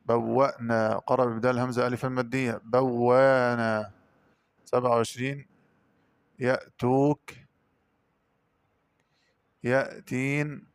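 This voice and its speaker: Smooth-voiced man teaching Quran readings. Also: mid-range voice, no echo. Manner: brisk spoken explanations alternating with slow, drawn-out chanted words. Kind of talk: Quran recitation lesson, explaining variant readings.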